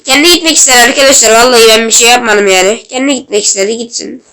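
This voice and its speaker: A woman hosting a gaming channel, giving gameplay commentary in an excitable way and yelling at the referee, and she is a little ill. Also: a little high, rapid-fire. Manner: excitable, shouts at the game and referee. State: slightly ill.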